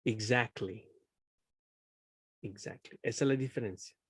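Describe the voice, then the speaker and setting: Unhurried and slightly breathy, a mid-range male voice leads an English class over a video call. The teacher explains patiently, checks understanding often, and switches languages. The recording is dry and clean, like a studio.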